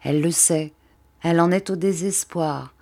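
A woman's voice: fairly low pitch, normal speed, darkish tone, no echo. A woman voicing an ardent young man who speaks fervently in an audiobook reading. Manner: fervent, impassioned.

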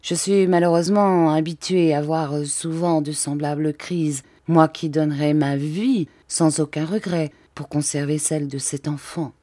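A woman's voice: low voice, fairly even intonation, measured pace, few pauses, dark tone, dry recording. A woman reading a bitter, touchy old-world count. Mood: weary. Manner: curt, sour, self-justifying. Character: middle-aged male count, gloomy, bitter, touchy.

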